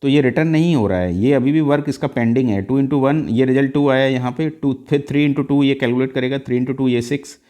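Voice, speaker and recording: A man teaching an exam-prep lesson on code, mixing Hindi and English and stepping slowly through each value with frequent "uh" fillers. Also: mid-range voice, dark tone.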